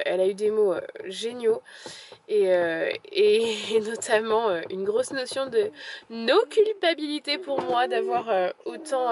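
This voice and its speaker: A woman's voice: mid-range voice, a little mellow, slight background noise. A woman vlogging in a casual, chatty way, full of fillers and little restarts. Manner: chatty, filler-heavy, lots of "voilà". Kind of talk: casual vlog chat.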